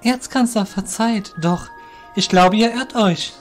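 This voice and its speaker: In a fantasy audio drama, a man voices a young shadow guild apprentice who is earnest, respectful, somewhat hesitant, and insistent. He speaks slowly in a high-pitched voice set above his own natural pitch, with soft music in the background.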